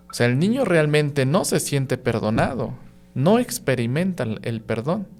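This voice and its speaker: A priest giving a spoken reflection on a radio podcast, explaining with everyday examples and often checking in with "¿no?" and "¿sí?". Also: male voice, medium pitch, a little mellow. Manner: frequent "¿no?" and "¿sí?" tag questions.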